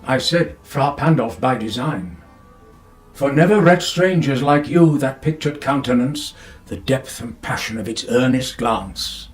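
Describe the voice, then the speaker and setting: An actor playing a possessive, controlling aristocratic duke in a dramatic poetry reading, with a slow, measured, brooding delivery. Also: male voice, mid-range voice, natural voice. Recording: clip with faint music behind.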